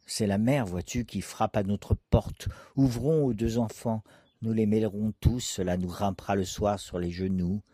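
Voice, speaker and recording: A man reading the part of a poor, rough, good-hearted fisherman in a dramatic poetry reading, in a gruff, earnest way. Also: fairly low pitch, fairly even intonation, normal speed, dark tone, no echo, studio quality.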